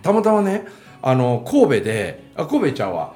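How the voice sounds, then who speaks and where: A middle-aged man with a Kansai accent tells a story in casual chat. His voice sits slightly high and swings widely as he acts out the people in it. The room rings with echo. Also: normal speed, soft background music. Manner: animated storyteller, acts out voices, laughs often. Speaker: speaker telling a story.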